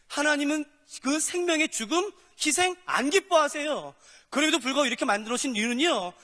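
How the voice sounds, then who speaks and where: A male pastor preaching a lively sermon, acting out little dialogues as he teaches. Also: very high-pitched. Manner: animated, acts out dialogues with God and people. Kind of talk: sermon lecture. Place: church hall. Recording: long hall reverb.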